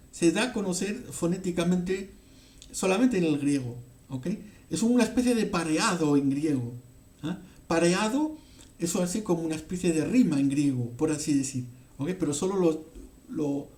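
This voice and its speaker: A man from teaching a Bible passage in a halting way, with many fillers and frequent "ok?" check-ins. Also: a little high, dark tone. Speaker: preacher.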